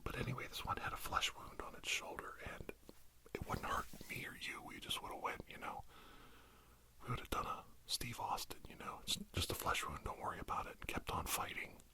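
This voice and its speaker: In a brisk delivery, a man meanders through ASMR storytelling as a healing doctor of his own making. He sounds hesitant, earnest and deadpan.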